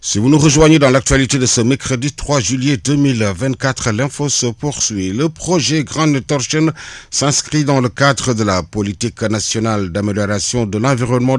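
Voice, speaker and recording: A man reading the radio news as anchor, in a measured, formal manner. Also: mid-range voice, dry recording.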